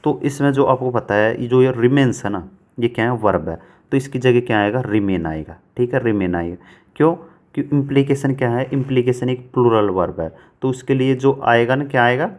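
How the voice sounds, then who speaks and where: A man teaching English grammar for exam prep in Hindi, who asks questions and answers them himself and reads example sentences out slowly, word by word. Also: medium pitch, a little mellow. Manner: asks and answers his own questions, repeats answers.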